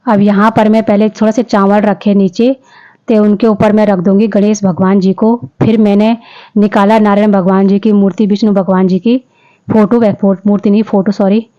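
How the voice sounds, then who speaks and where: Chatty lady narrating her day, kinda flat tone, lo-fi muffled audio. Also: medium pitch, moderate pace. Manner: chatty, with frequent restarts and self-corrections. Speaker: vlogger. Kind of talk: casual vlog voice-over.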